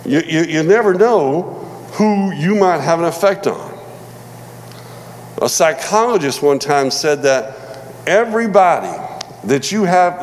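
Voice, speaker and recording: A man in his forties preaching a sermon in a relaxed, conversational way, often repeating words and checking in with "all right?". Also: fairly high pitch, in a large hall, slight background noise, poor audio. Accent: non-Michigan American. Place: church hall.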